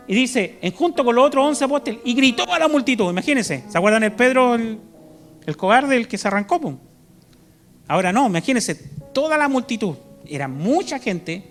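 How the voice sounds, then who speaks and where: A man with a Chilean accent preaching a sermon to his congregation, animated, constantly checking in with "¿cierto?" and bursting into loud shouts. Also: very high-pitched. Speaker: pastor. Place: church service.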